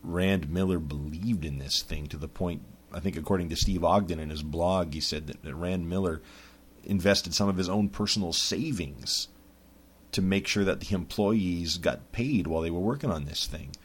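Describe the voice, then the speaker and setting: A man with a very low, husky voice talks through news in a loose, rambling way. He circles back on his words and stacks up fillers as he goes. The talk stays casual and unscripted. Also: normal speed. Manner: rambling, lots of restarts and fillers. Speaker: podcast host. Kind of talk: casual monologue.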